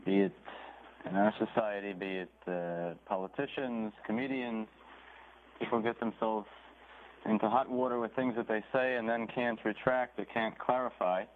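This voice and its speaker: A man's voice: fairly low pitch, fairly even intonation, moderate pace. A man teaching a Torah class, reading phrases from a text, translating them, and retelling the story with animation. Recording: tinny phone-like recording with faint noise.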